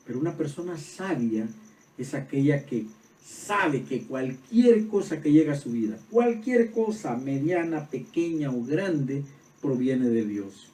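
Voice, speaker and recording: A man preaching a sermon as pastor, swinging from soft reflective passages to loud emphatic peaks. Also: fairly high pitch, animated, unhurried. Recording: roomy echo, voice from far off.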